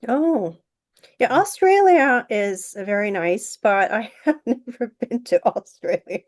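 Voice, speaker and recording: A woman hosting her own podcast, speaking haltingly with many fillers over a call. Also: a little high, expressive. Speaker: podcast host. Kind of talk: podcast interview.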